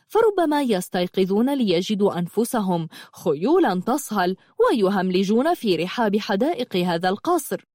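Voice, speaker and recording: A woman narrating an audiobook in a measured, literary storytelling manner. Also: mid-range voice, a little mellow, no room sound, clean studio sound.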